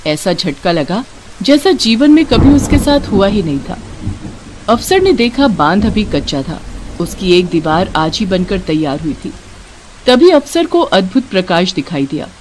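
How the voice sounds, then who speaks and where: A woman narrating devotional stories in an expressive, dramatic way. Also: mid-range voice, slight background noise. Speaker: storyteller.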